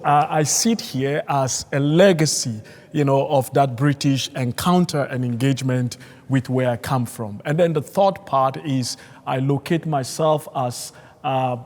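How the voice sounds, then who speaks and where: A man from Nigeria, an Anglican priest, speaking as a seminar panelist in a measured, hesitant way with many fillers. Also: medium pitch, darkish tone. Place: large church hall. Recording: long hall reverb, mic at a distance.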